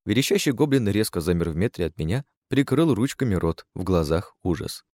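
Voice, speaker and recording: A man's voice: low voice, lively intonation, a little fast, darkish tone, dry recording, studio quality. A man giving sardonic, crude first-person audiobook narration.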